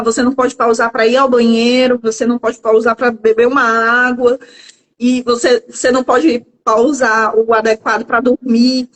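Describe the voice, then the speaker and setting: A Brazilian woman with a slightly high voice speaks in a calm, measured way. She guides a reflective live conversation as a guest psychologist, often stopping to find the right word. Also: low-quality recording. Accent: Brazilian Portuguese.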